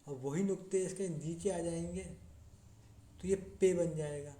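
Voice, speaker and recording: A teacher giving a slow classroom lesson, repeating points and checking in as they explain. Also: mid-range voice, steady tone, dark tone. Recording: echoey room with faint noise.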